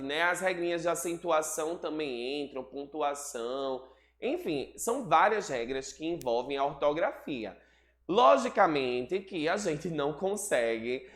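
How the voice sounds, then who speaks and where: A teacher talks through a recorded lesson, often pausing to check in with the students. Example words are stretched out slowly, and the voice sits in a middle pitch. The room leaves a noticeable echo around every sentence. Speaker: school teacher. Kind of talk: recorded remote class lesson. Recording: roomy echoey room sound.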